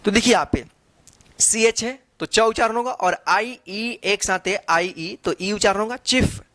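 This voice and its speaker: A woman leads a slow, patient phonics lesson in a dry, close recording. She spells each word out letter by letter, then reads it aloud. She keeps asking and answering her own questions. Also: mid-range voice, a bit bright, no echo. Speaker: English teacher.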